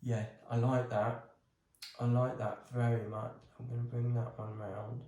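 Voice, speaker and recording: Working on a bonsai for his crafting vlog, a man narrates each step to himself in a casual way, full of hesitant ums. His mid-range voice is mellow, a little slow, and has little pitch movement, and the room echoes noticeably.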